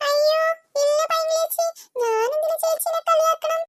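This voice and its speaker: A woman's voice: very high voice, normal speed, no echo, soft background music, voice pushed up. A woman doing a small pleading cartoon child. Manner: pleading, soft, drawn out. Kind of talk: cartoon voice acting.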